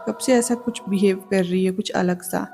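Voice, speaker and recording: A woman's voice: mid-range voice, steady tone, moderate pace, creaky. Woman narrating a horror story. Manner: casual conversational retelling. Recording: music playing behind the voice.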